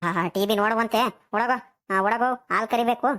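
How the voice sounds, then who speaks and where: A woman's voice: on the high side, moderate pace, fairly bright tone, close to an everyday voice. A woman voicing a fussy, worried old village grandmother. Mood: fussing. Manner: coaxing, worried.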